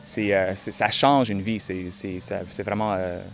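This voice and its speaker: A young man, answering interview questions in a halting way, often repeating words. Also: lowish voice, steady tone, creaky, soft background music. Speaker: touring cyclist interviewee.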